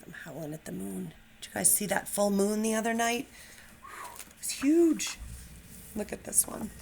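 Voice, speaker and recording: Here a middle-aged woman plays a teacher for young kids, informal, encouraging and a touch nervous as she chats and reads a storybook aloud with expression. Her medium-pitched voice is gravelly and a little mellow, with lively intonation at normal speed, and a little hiss or hum sits under it.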